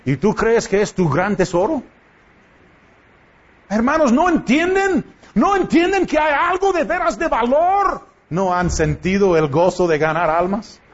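A pastor with a very high, expressive voice speaks a little slowly as he preaches in church, urging his congregation with fervent rhetorical questions. The recording is dull and lo-fi.

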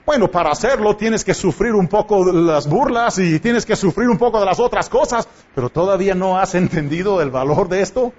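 Man preaching in church, high husky voice, impassioned rhetorical questions, dull lo-fi sound. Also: fairly quick, few pauses, a little mellow. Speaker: pastor. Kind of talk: sermon.

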